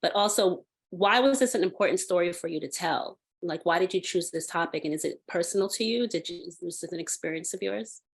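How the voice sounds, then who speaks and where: A woman's voice: on the low side, brisk, vocal fry, few pauses, breathy edge. A woman hosting an interview, asking curious, probing questions. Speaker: host.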